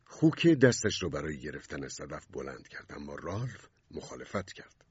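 A man narrating a story in a measured, husky voice. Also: very deep voice, sing-song, darkish tone, no room sound, highs cut off. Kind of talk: scripted narration.

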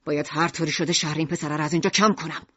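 A woman voicing a gruff, irritable middle-aged male shopkeeper in an audiobook, speaking low and sarcastically. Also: steady tone, no echo, muffled recording. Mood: grim sarcastic. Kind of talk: audiobook character voice.

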